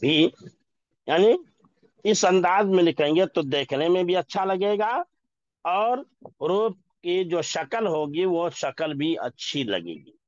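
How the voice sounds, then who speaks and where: A man teaching an Urdu lesson, sounding out each word slowly and asking questions to check that his students follow. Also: high voice, animated, no room sound, highs cut off. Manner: slow, repeats each word and asks questions. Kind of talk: classroom lesson.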